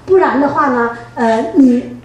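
A woman giving a spoken church testimony, telling her story in a lively way, often laughing and stretching out her sentence particles. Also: high-pitched, unhurried. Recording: very echoey room, distant mic.

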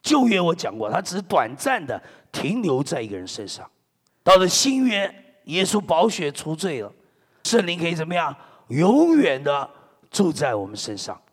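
A middle-aged man from China, a pastor preaching a sermon in an animated, joking way, dropping in amen and hallelujah often. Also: a little high, moderate pace, breathy edge, long reverb tail.

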